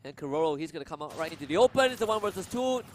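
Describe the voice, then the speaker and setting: A man's voice: a little high, lively intonation, racing. A man co-casting an esports match, explaining and reacting to the plays in live analysis.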